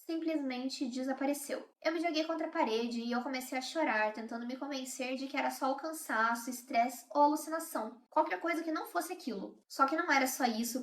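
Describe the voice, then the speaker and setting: Fast, tense woman storyteller. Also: high-pitched, reverberant. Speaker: horror channel host. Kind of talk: first-person horror story reading.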